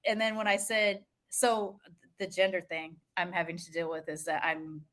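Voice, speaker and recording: A woman's voice: lowish voice, moderate pace. A woman from the United States hosting a podcast, telling stories in casual chat and laughing often. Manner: animated storytelling, laughs often. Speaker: podcast host.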